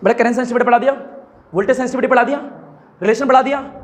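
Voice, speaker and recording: A man teaching physics in an energetic classroom lecture, coaxing students, joking and at times shouting questions. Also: very high voice, rapid-fire. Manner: animated, coaxing, often shouts and jokes with students.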